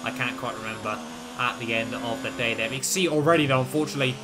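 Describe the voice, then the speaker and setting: A man's voice: mid-range voice, quick pace, background noise. A man giving conversational, rambling commentary on a racing video game he played. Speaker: gaming video host, league racer.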